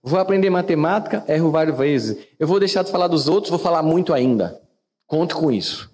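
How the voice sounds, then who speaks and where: A Brazilian man with a fairly high voice gives a reflective motivational talk. He chats with his listeners and keeps asking them questions. His voice trails off into a long, hall-like reverb. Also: expressive, fast talker, a little mellow. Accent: Brazilian Portuguese. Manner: conversational, asks listeners questions, wide swings in pitch. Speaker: podcast host and teacher.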